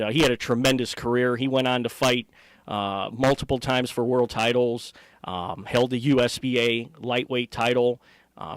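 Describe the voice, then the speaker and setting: A middle-aged man with an American accent, a ring announcer answering interview questions conversationally. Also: medium pitch.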